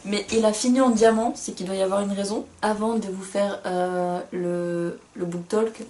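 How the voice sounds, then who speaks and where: A woman's voice: mid-range voice, steady tone, normal speed, a little mellow, echoey room. A young woman co-hosting a casual book review, chatty and self-mocking, laughing often.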